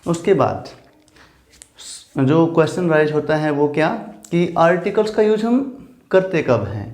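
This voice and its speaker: A man's voice: fairly high pitch, darkish tone. A male English teacher giving a classroom grammar lesson, spelling out words letter by letter and often checking in with "theek hai". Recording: echoey room.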